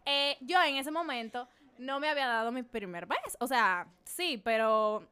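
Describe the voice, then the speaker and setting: Young woman w dominican accent, high voice, super clear, acts out everyone she quotes. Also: moderate pace. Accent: Dominican Spanish. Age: young adult. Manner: animated storytelling, acts out quoted dialogue. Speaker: guest storyteller. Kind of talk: casual chat.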